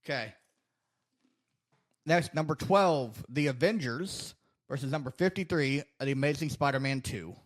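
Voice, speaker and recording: A man hosts a relaxed film-chat podcast, announcing each matchup in an even, mid-pitched voice. He stumbles a little over titles, then slips into easygoing banter. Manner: reads titles aloud haltingly, then talks loosely. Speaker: podcast host reading out the bracket matchups.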